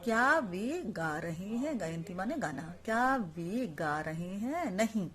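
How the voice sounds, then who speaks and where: A woman's voice: mid-range voice, expressive, slow, a bit bright. A woman teaching a Sanskrit lesson online, explaining each word and then repeating it, asking the class questions and answering them herself.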